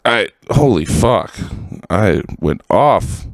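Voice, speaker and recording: This Bay Area podcast host, a man from California, rants solo with heavy profanity and exasperation in a fairly low, sing-song voice. He speaks slowly, and the recording is dry, with clean studio sound.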